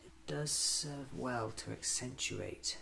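A man in his thirties playing a whimsical, eccentric time-traveling doctor musing aloud in soft-spoken, deliberate ASMR roleplay. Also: mid-range voice, gravelly, a little hiss or hum, heavily acted. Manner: deliberate, musing, often near whisper.

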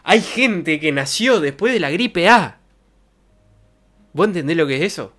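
Animated and unhurried, this young man's slightly high, fairly bright voice fills a casual livestream as he reminisces with colloquial humor. He speaks with a Santa Fe, Argentina accent. He's streaming from his bedroom into a nearby desk mic with a pop filter.

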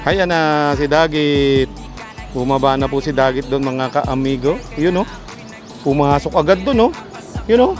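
A man vlogging outdoors at his pigeon loft, chatting excitedly and calling his birds down in the wind. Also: fairly high pitch, measured pace, over music. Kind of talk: casual vlog commentary.

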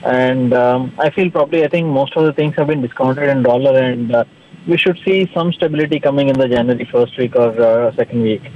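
A man's voice: mid-range voice, brisk. Man analyst on a tinny line. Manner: hesitant, many fillers and restarts. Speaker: commodity analyst guest. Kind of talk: live TV interview answers.

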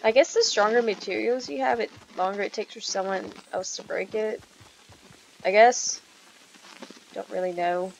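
A woman's voice: medium pitch, moderate pace, creaky, pauses often, slight background noise, low-quality recording. A young woman casually commenting on her gameplay, chatty and easily startled, swearing often. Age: young adult. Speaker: gaming channel host.

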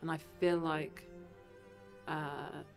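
Speaking extremely slowly in a low voice, a young composer from Lebanon is interviewed on a podcast, lively and laughing often as she moves between languages. Faint music plays behind her in a room with Christmas trees, and she is recorded on a studio mic mounted on a boom arm.

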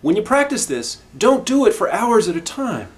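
A middle-aged man teaching a harmonica lesson, explaining in a calm, reflective way with frequent restarts. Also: high voice, normal speed. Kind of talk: instructional video lesson.

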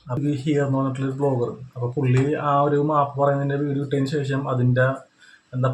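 There's slight background noise as an Indian man with a medium-pitched voice gives unscripted reaction commentary for YouTube. He repeats and explains his views, regularly checking in with whoever is listening.

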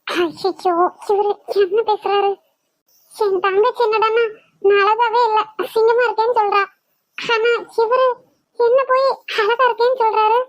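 A woman's voice: very high voice, steady tone, measured pace, dry recording, low-quality recording. A woman voicing a shy, worried young heroine in a cartoon, talking in nervous, fretful asides. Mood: flustered asides. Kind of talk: cartoon voice acting.

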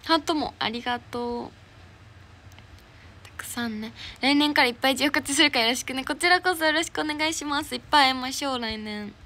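This young idol livestreamer speaks with a Kansai accent in a high, fast, bright voice with a forceful edge. She chats casually and cheerfully, reading viewers' comments and gifts aloud and thanking them, over noisy stream audio.

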